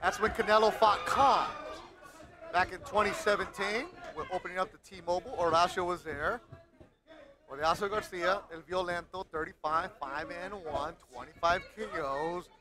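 A man's voice: high voice, moderate pace. A man doing live play-by-play boxing commentary in clipped, short phrases. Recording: live event with crowd noise behind. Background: boxing crowd.

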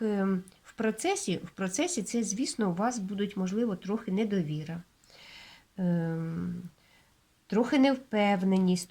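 A woman with a Ukrainian accent giving a casual tarot reading, explaining each card in an unhurried way, with many hesitations and checks with the viewer. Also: medium pitch, warm tone, slightly rough. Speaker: tarot reader.

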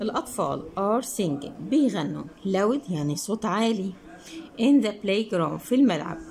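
An English teacher with an Egyptian Arabic accent and a medium-pitched, slightly mellow voice explains a textbook lesson, posing questions and answering them herself. She reads English words slowly, then explains them quickly; the audio is poor.

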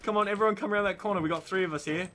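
An Australian man hosting a casual gaming commentary, excitable and yelping at the game. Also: sits high, rapid-fire, background noise. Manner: excitable, yelps and shouts at the game. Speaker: let's play host. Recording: game gunfire under the voice.

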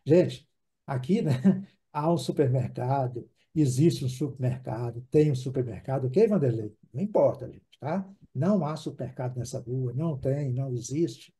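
A man's voice: mid-range voice, expressive, moderate pace, warm tone, husky. A man teaching an online English class in Portuguese, patiently repeating words for drills and checking in with the class.

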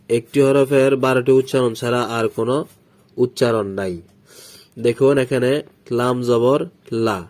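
Mellow-voiced man drilling syllables patiently. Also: mid-range voice. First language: Bengali. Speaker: Quran recitation teacher. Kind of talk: step-by-step spoken lesson.

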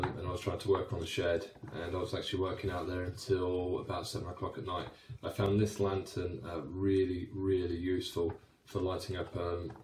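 A deep-voiced man in his thirties talks through a product review in a loose, chatty way, full of fillers and restarts. His voice rings with the echo of a small, hard-walled room. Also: darkish tone, a little hiss or hum. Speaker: cycling light reviewer. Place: small wooden shed, then a home room.

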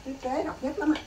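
Mother figure, middle-aged, Southern Vietnamese accent, practical tone, roomy and distant with clear background noise. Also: fairly high pitch. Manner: plain, practical, explaining steps. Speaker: vlogger's mother. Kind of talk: casual cooking demonstration. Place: rural home kitchen. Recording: echoey room, voice from off-mic.

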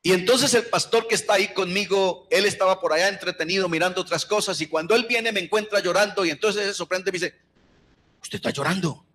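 A middle-aged man with a Colombian accent preaching a sermon, telling stories with passion and moving from hushed tones to shouts. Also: sits high, fast talker. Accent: Colombian Spanish. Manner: impassioned storytelling, swinging from hushed to shouting.

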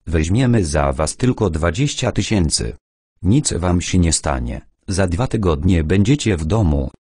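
A man's voice: sits low, lively intonation, a little slow, darkish tone, slightly rough, no room sound, clean studio sound, exaggerated voice. A man voicing a stern male steppe militia leader who bargains bluntly in an audiobook. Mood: bargaining. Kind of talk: audiobook character voice.

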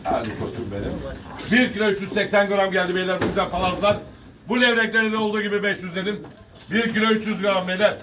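A man's voice: high voice, fairly even intonation, quick pace. A man working as a fish auctioneer, calling weights and prices in repeated sing-song calls for bids. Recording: distant mic, noisy market, birds cooing.

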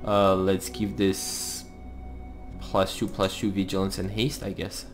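A man with a slightly deep voice gives casual gameplay commentary. He thinks aloud as he goes, with faint music underneath. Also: completely flat delivery, takes it slowly. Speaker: host of a card game let's play series.

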